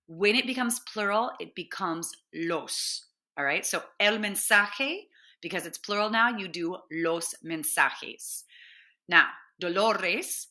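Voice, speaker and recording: A woman teaching a grammar lesson, patiently spelling out letters, repeating examples slowly and checking in with "right?" as she goes. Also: on the low side, sharp tone. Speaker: Spanish teacher. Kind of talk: classroom lesson explaining grammar.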